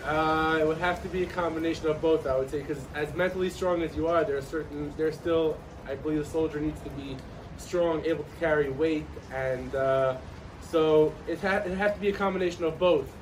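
A man's voice: fairly high pitch, fairly even intonation, a little fast, recorded from a distance, a little hiss or hum, poor audio. A man being interviewed outdoors, giving hesitant, brief answers while sitting in an ice bath. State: shivering from cold. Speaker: interview guest, soon-to-be soldier.

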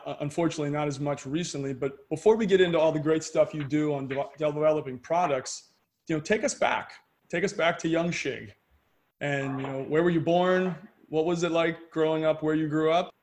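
Higher-voiced male podcast host. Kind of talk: podcast interview.

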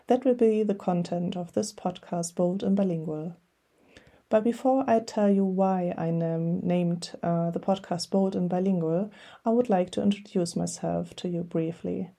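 A middle-aged German woman with a German accent hosts her podcast, reading an earnest, encouraging script. Her mid-range voice is mellow and steady, delivered at a moderate pace.

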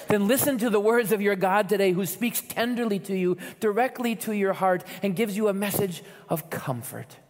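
A man preaching a sermon as pastor, earnest, rising to loud calls and dropping to soft pleas. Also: sits high, normal speed, hardly any pauses, big-room sound.

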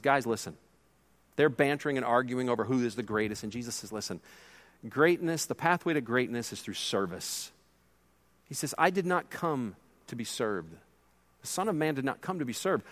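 Emphatic, fairly high-voiced male pastor. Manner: emphatic preaching, swinging from loud to hushed. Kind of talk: sermon.

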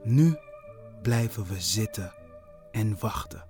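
Man playing a wise ghost lady, calm, measured, storybook, soft background music. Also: fairly low pitch.

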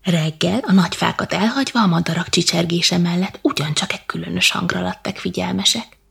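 A woman reading a bedtime story in a soft, slow, half-whispered manner. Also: fairly low pitch, steady tone, vocal fry, husky.

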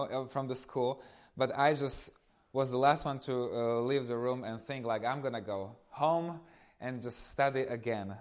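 Informal and animated, a Slovak-accented man in his thirties from eastern Slovakia tells an audience his personal stories as a guest. His voice is mid-range.

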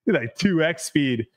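Rambling male podcast host. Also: fairly high pitch. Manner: rambling, repeats words, laughs easily. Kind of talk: casual podcast chat with ad read.

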